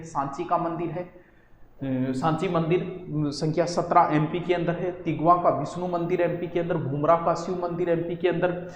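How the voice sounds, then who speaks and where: A man teaching an exam-prep lecture, animated, asking and answering his own questions. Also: a little high, a little hiss or hum. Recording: echoey room with long reverb.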